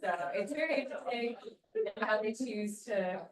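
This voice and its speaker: A woman's voice: mid-range voice, expressive, normal speed, recorded from a distance, crowd noise. A woman chatting playfully at a club meeting. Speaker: club member. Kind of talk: casual chat. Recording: echoey room, voice from off-mic.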